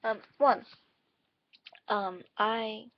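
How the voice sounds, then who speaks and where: A tired woman rambling casually to camera in a subdued vlog, on a dull, low-quality recording. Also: steady tone, drawn-out words, dry recording. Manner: rambling, subdued and quieter than usual. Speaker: vlogger. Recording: dull lo-fi dry home recording.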